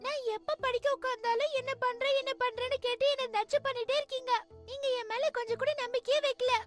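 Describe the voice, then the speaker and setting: A very high, sulky little cartoon girl. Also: fairly even intonation, fast. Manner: whiny, defiant, complaining. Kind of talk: animated cartoon dub acting. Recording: loud background cartoon music.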